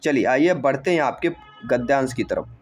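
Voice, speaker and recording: A man's voice: mid-range voice, expressive, moderate pace, soft background music. A man teaching an exam-prep lesson, calling listeners dear friends and brother and repeating answers back as questions.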